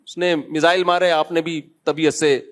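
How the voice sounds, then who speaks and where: A man's voice: on the high side, flat delivery. A middle-aged man, a mufti answering questions from the public in a conversational, scolding manner with joking asides. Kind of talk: public Q&A talk.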